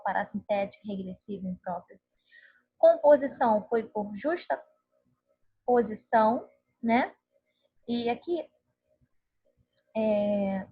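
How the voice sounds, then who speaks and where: A woman teacher giving a recorded grammar lesson, explaining patiently and often checking in with her listeners. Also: fairly high pitch. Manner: patient, explanatory, frequent tag questions. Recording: narrow phone-like audio, slightly husky.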